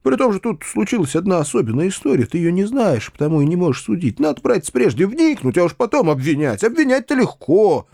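A man's voice: sits high, sing-song, fast, vocal fry, hardly any pauses, mellow, no echo, clean studio sound, voice pushed up, heavily acted. A man voicing a timid, kindly older landowner who talks in fussy, pleading bursts. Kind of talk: audiobook character voice.

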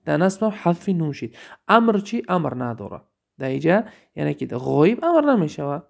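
Gravelly Tajik-accented man teaching grammar. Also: fairly high pitch, big pitch swings. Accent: Tajik Persian. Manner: explains step by step with quiz questions to the listener; reads example sentences slowly and deliberately. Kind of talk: recorded grammar lesson.

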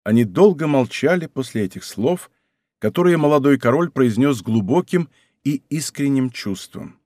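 A man narrating a historical novel in a measured, subdued storytelling manner. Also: medium pitch, expressive, darkish tone, dry recording. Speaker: audiobook narrator. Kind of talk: scripted narration.

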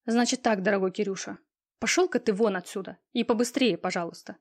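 A woman voicing a timid, hurt young woman in an audiobook, speaking softly and pleadingly. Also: mid-range voice, a little fast, lightly acted. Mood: cold. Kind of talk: audiobook reading.

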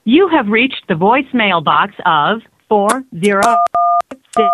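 A woman's recorded answering machine message giving voicemail instructions in an even, formal manner. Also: mid-range voice, a little slow. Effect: answering machine message heard over a phone call. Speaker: automated voicemail prompt. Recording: tinny phone line with faint hiss.

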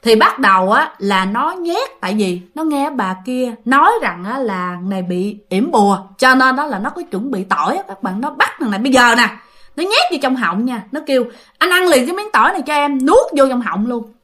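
High-voiced woman storyteller. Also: big pitch swings, moderate pace, a bit bright. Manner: chatty, addresses listeners directly, loose run-on phrasing. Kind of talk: casual ghost-story narration.

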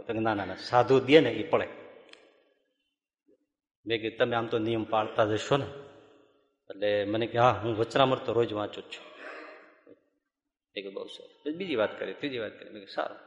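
Monk preaching in an echoey hall. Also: male voice, medium pitch, highs cut off. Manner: lively storyteller, chuckling through funny anecdotes. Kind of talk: sermon with folksy storytelling.

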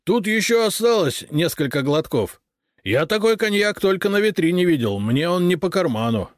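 A man voicing a loud, eager, burly city policeman in a storybook reading. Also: very animated, moderate pace, no echo, clean studio sound. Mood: eager, booming. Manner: booming and eager.

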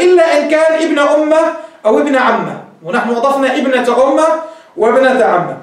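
Male teacher, brisk classroom lecture, heard from far off in a very echoey room. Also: very high-pitched. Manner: explains step by step, quizzing students. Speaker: teacher of Arabic grammar.

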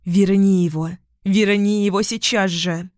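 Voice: mid-range voice, fairly even intonation, a little slow, a little mellow, no echo, close to an everyday voice. A narrator voicing a distraught young queen who turns from tender pleas to bitter accusations, in a dry close recording. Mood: commanding. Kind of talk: audiobook character reading.

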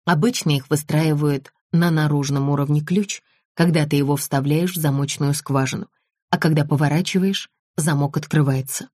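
Woman reader doing a level-headed ex police constable lady in an audiobook, low husky voice, matter of fact. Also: steady tone, moderate pace, a little mellow, no room sound, studio quality. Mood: explaining. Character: former police constable woman, calm and resourceful.

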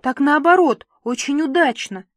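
A woman's voice: a little high, slow, dry recording, studio quality. A woman reading aloud, voicing a vain, melodramatic aging male actor who pleads and coos. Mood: coaxing. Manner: melodramatic, wheedling.

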